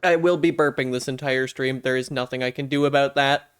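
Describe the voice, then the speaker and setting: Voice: medium pitch, fairly even intonation, fairly quick, clean tone. A live streamer chatting casually with viewers in a playful, self-deprecating gamer manner. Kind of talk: casual livestream chat with viewers.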